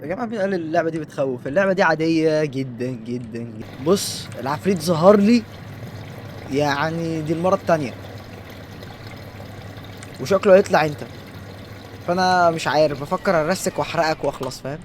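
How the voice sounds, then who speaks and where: A man with an Egyptian Arabic accent narrates his horror game run at a quick clip, joking and bantering with the figures on screen. His voice sits a little high. A faint noise runs underneath. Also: animated. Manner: joking, talks back at the game. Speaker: let's play gamer.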